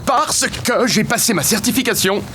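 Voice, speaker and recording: A man's voice: sits high, normal speed, heavy background noise, close to an everyday voice. An actor playing a self-important, hammy thespian posing as a father in a dubbed TV comedy, theatrical and overconfident. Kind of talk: dubbed live-action TV comedy. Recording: loud music and crowd behind.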